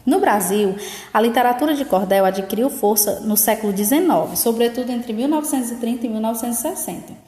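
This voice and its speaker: A woman's voice: fairly high pitch, brisk, warm tone. A woman teacher explaining a lesson, often checking in with tag questions. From Northeast Brazil. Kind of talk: remote school lesson. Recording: echoey room with long reverb.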